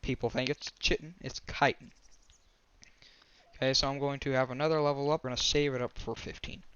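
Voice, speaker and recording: A man's voice: mid-range voice, level tone, quick pace, a bit bright, clean tone, dry recording, highs cut off. A man giving a casual voice-over game tutorial, rambling and often restarting or correcting himself. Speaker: gaming tutorial creator.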